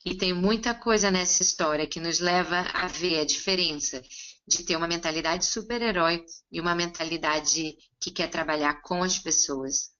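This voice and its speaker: A woman interpreting a seminar consecutively, relaying each line in a steady, conversational way. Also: lowish voice, moderate pace, lo-fi sound.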